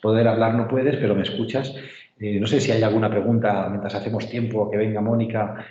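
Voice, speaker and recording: In an online literature class, a man explains things patiently and keeps checking that students follow, often with tag questions. His lowish voice is steady and darkish, a little fast, and the recording is echoey, roomy and dull.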